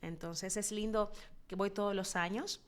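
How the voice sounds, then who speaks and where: A Dominican woman in her thirties, a psychologist guest telling her life story in an interview, expressive and reflective, pausing often as she thinks. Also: medium pitch. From Dominican Republic. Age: 30s. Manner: expressive, reflective, with frequent hesitations.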